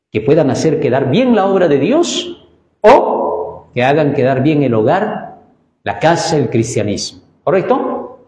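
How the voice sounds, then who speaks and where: A man preaching a sermon with emphatic swings in pitch and loudness, asking rhetorical questions. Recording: echoey church hall reverb.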